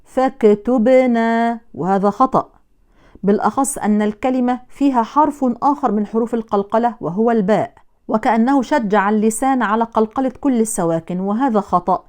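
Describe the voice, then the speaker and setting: A woman teaching Quran recitation, explaining in a measured way how each letter is pronounced and contrasting correct and incorrect forms. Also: fairly high pitch, darkish tone. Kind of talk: Quran pronunciation lesson.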